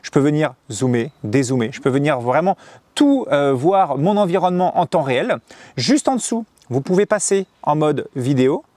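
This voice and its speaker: A man's voice: a little high, normal speed, no room sound. A man giving a casual, chatty camera demo straight to his viewers, full of slang. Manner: lively, chatty, addresses viewers directly with slang. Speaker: motorcycle vlogger reviewing a camera. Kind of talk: casual product demo vlog.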